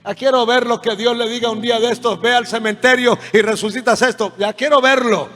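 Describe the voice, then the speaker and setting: A male pastor preaching with passion, swinging between shouts and quiet asides. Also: very high-pitched, fairly even intonation, brisk. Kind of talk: sermon. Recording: music underneath, long reverb hall.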